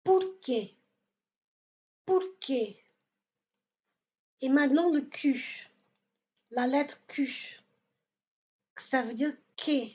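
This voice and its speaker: Woman teaching, really slow, repeats words, high voice. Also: steady tone, highs cut off. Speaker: Portuguese teacher. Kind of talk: language lesson.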